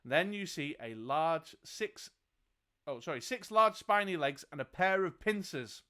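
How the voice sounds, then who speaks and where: A man's voice: on the high side, expressive, measured pace, pushed and bright, clean tone. A man reading a fantasy gamebook aloud as game master, laughing and joking between passages. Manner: laughs often, jokes between read passages.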